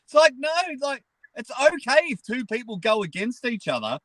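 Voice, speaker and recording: The Australian arm wrestling personality speaks from his car as a live-stream guest, his voice extremely high and sing-song, fairly bright, at a normal speed. Blocked-nosed in sound, he jokes around with bluntness and plenty of swearing in this casual chat. The recording is dry and of poor quality.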